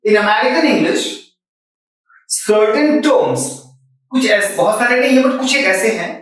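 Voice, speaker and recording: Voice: medium pitch, fairly bright tone, very echoey, distant mic, poor audio. A Hindi-speaking teacher explains English spelling rules, spelling words out letter by letter and mixing in English terms. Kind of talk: spelling lesson.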